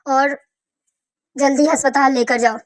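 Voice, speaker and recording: A woman's voice: high-pitched, level tone, lightly acted. A woman voicing a stern male police officer giving orders in a cartoon story. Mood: stern, urgent.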